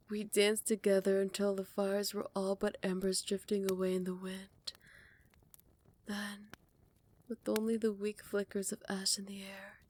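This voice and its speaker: In this ASMR roleplay, a woman voice actor uses her natural mid-range voice to portray a haughty, ages-old vampire queen. Recorded on a close mic, she alternates intimate whispered narration with cutting, contemptuous retorts.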